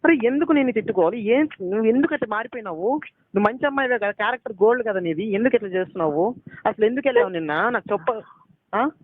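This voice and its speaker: A man's voice: high voice, animated, racing, no echo. A young man, arguing heatedly on a phone call, pleading, accusing and asking the same questions again and again. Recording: tinny phone call recording.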